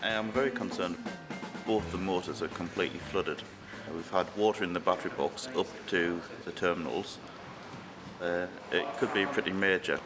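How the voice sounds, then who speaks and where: A man from a technical team speaks plainly about the state of things. His voice is low and his manner dryly understated, with background music. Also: normal speed. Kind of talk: plain-spoken technical assessment.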